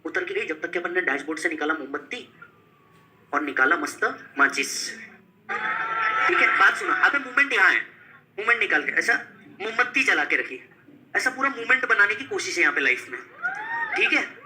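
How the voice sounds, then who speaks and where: A man teaching a class, telling a personal story in a playful, animated way and acting out the dialogue. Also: sits high, a little fast, slight background noise, rough recording. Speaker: exam-prep teacher. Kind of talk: storytelling during a lecture.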